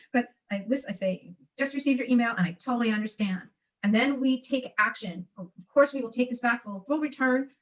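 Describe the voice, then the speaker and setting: Fast-talking woman, far from the mic. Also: on the high side. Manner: animated, acts out customers and herself in quotes. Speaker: guest seller. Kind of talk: casual conversation.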